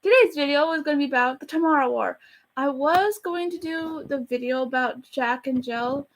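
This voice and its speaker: High-voiced chatty woman rambling fast. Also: rough recording. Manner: chatty, rushed, self-deprecating, rambling. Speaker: YouTuber reviewing a movie. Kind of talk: casual rambling review. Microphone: camera facing her.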